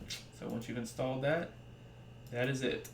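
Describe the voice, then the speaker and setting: A young man talks through a casual coding tutorial in a relaxed way, full of ums and pauses, with a gravelly edge to his voice. He is recorded in a roomy home space with a faint hum behind him. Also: mid-range voice. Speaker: software library developer.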